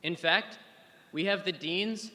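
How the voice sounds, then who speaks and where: A man's voice: high-pitched, slow pace, bright, forceful tone. A man giving a formal convocation speech as a student government speaker, in an upbeat, welcoming way. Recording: reverberant hall.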